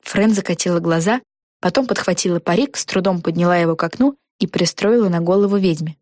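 A woman narrating a children's storybook in an even, clear manner. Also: fairly low pitch, quick pace, no echo, clean studio sound.

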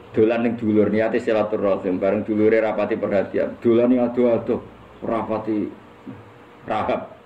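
A man with a Javanese accent preaches in a low voice, spinning humorous religious stories. The room is echoey and roomy, with faint noise behind him. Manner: humorous, lively storyteller, often laughing. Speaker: Islamic preacher. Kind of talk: religious lecture with storytelling.

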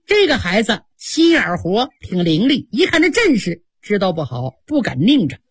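A woman's voice: medium pitch, very animated, normal speed, breathy edge, no echo, clean studio sound. A woman performing a traditional story with dramatic, vivid delivery and spoken sound effects.

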